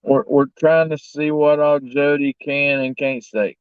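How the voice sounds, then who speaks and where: Slow-talking folksy rural American man. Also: on the high side, level tone, smooth, no room sound. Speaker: livestream host. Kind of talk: casual chat. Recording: dull lo-fi audio.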